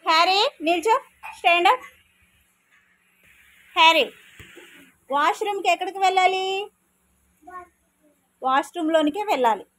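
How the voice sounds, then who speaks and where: A woman's voice: very high-pitched, a little slow, long pauses, fairly bright tone. A woman preschool teacher talking to small children in a classroom. She keeps asking questions, repeats the answers back, and gives simple, firm commands.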